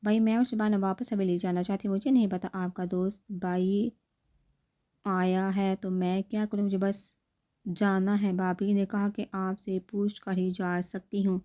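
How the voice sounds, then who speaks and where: A woman reading the lines of a shy, frightened young village woman in an audiobook novel, soft-spoken and pleading. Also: medium pitch, little pitch movement, lightly acted.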